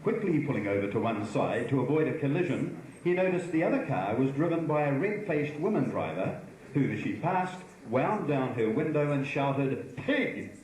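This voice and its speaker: A New man tells mock news stories, and his pitch jumps around lively. He performs live on stage in a hall with strong echo. It is a theatrical storyteller's delivery. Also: normal speed. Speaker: comic performer. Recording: echoey stage recording in a hall.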